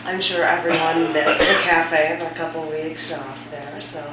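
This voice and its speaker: Heard from a distance in an echoey room, a woman with a low, steady voice at normal speed hosts a cafe open mic and then reads a poem. A sore throat makes her voice scratchy, and her manner is chatty and self-deprecating.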